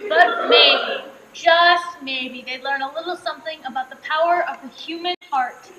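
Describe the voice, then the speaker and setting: A woman's voice: sits high, normal speed, highs cut off, lightly acted. A woman playing an earnest, syrupy TV-movie narrator, giving mock-sentimental narration in a dramatic way. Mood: grandly solemn. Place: theatre stage. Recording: roomy stage, faint noise.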